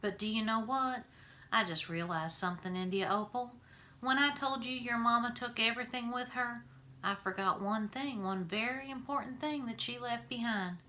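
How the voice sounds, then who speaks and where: A woman voicing a grieving, gentle preacher father who speaks slowly and softly. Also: on the high side, slight background noise, voice pushed up. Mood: soft tender. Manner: slow, soft and weary.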